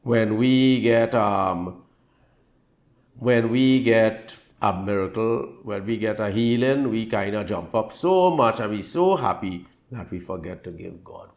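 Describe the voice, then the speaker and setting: A man's voice: fairly low pitch, measured pace, darkish tone. A man preacher giving a daily devotional reflection on scripture, explaining it plainly and repeating phrases to drive points home.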